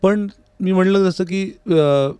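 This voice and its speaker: In a recording studio with dry, close, echo-free sound, a music teacher being interviewed speaks slowly. His voice sits high but has a dark, smooth tone, and he explains things earnestly and reflectively, like a conversation.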